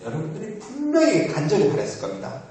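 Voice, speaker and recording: A man gives a relaxed Buddhist dharma talk, telling a story in a conversational way with many small fillers. He stands well back from the microphone, so his voice sounds distant. A heavy echo from a large hall hangs on every word. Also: sits high, fast talker. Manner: conversational, with frequent "eo" fillers and laughs. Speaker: monk giving a dharma talk. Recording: very echoey, far from the mic.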